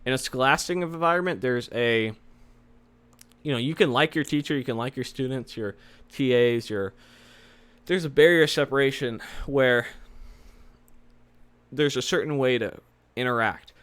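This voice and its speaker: A man's voice: mid-range voice, normal speed, long pauses, a bit bright, clear, resonant tone. Man with slightly slurred, retainer-muffled speech. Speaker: host, software developer giving career advice. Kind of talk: casual advice vlog.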